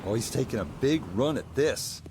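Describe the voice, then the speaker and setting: A man working as a golf commentator in a video game, calling play in measured, short broadcast phrases. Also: mid-range voice, expressive, darkish tone, a little hiss or hum, lightly acted. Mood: measured, engaged. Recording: music behind the voice. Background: music.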